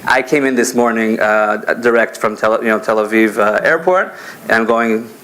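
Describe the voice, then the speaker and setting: A man in his thirties, born in America and from Israel, informally moderates a conference panel in front of an audience. His fairly low, fairly bright voice moves at normal speed, and he introduces speakers hesitantly and with jokes, over slight background noise.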